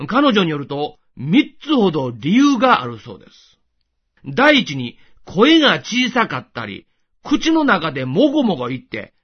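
A man giving a scripted devotional talk as a host, explaining in a gentle, patient way. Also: high voice, breathy edge, highs cut off.

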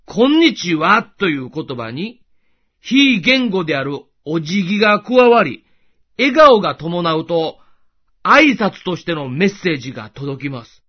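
Lively high-voiced man giving a devotional talk. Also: muffled recording.

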